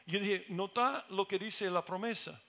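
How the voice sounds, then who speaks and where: A middle-aged man with a high, light voice preaches a sermon. He speaks earnestly and swells into emphatic, fervent peaks before settling back to calm explanation. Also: normal speed, vocal fry. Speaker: pastor.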